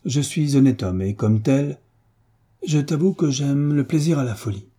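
A man voicing a carefree young nobleman who answers his mother calmly, tenderly and firmly. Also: medium pitch, normal speed, slightly rough, pitched above the performer's own voice, lightly acted. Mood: defiant. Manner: calm, tender, quietly defiant. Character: carefree young nobleman, gentle but firm son.

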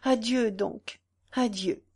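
A woman's voice: on the high side, slow pace, a little mellow, breathy edge. A woman voicing a grieving, impassioned young woman. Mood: tearful. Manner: pleading, tearful.

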